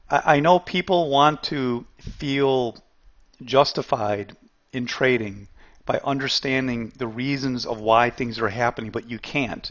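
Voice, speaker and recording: A middle-aged man teaching trading in a live webinar, talking straight to his viewers and chat, animated and laughing at his own points. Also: medium pitch, lo-fi sound. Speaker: trading educator.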